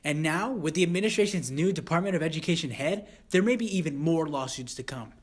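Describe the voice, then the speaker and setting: Male satirical news anchor, somewhat high pitch, rough husky tone, scripted delivery, mock-serious. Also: fast. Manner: mock-serious newscaster delivery with crude asides. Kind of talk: scripted satirical newscast narration.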